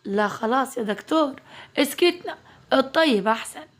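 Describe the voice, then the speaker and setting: A joking young cousin trades light, teasing banter in a spoken family story, as a woman storyteller voices him. His speech is high in pitch. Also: expressive, normal speed.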